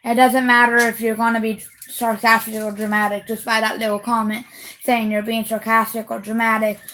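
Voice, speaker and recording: Woman vlogger, higher-pitched voice, heated swearing rant, emphatic stresses. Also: little pitch movement, a little fast, fairly bright tone, poor audio. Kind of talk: casual direct-to-camera rant.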